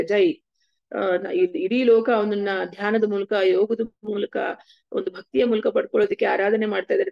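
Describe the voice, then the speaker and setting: A woman giving a devotional talk, telling sacred stories expressively, mixing in English words and chanting verses slowly. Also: medium pitch, no room sound. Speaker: devotional speaker. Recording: dull, lo-fi dry recording.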